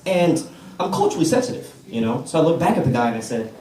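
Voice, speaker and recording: Fast and expressive, this man's slightly mellow voice sits on the high side, with a little hiss or hum in the audio. He's an American comedian at an open mic, telling easygoing stories and working the crowd on a comedy club stage. Heard from afar in a roomy space, the audience can be heard laughing.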